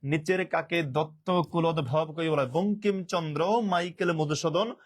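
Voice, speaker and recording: A man's voice: a little high, normal speed. A male teacher leading a live online exam-prep class, who repeats key words and reads viewers' comments aloud while dropping English words into his speech.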